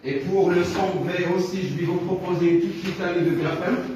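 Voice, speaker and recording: A man teaching young pupils in a classroom, patiently repeating words slowly and prompting them for answers. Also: high-pitched, fairly even intonation, darkish tone, muffled recording, a little hiss or hum. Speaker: primary school teacher. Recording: echoey classroom from far off.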